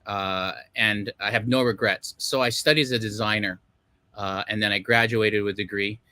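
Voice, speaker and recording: A middle-aged film director from Los Angeles, United States, joins a video call as a guest and chats casually in interview style, rambling with many fillers and laughing at his own expense. His fairly low voice holds a steady tone at a normal speed. The tone is sharp and the recording is dry.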